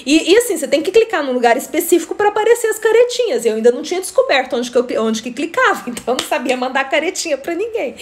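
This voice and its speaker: A middle-aged woman hosts a casual live stream. Her voice sits high, and she tells stories in a relaxed, chatty way, breaking into laughter and greeting viewers by name. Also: very fast, hardly any pauses.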